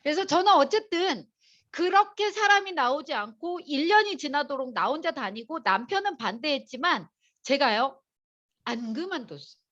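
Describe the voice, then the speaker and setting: A woman lectures an audience with chatty, animated storytelling, her voice high and swooping up and down. She talks straight to the listeners in a motivational seminar. The recording is dull and lo-fi. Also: moderate pace.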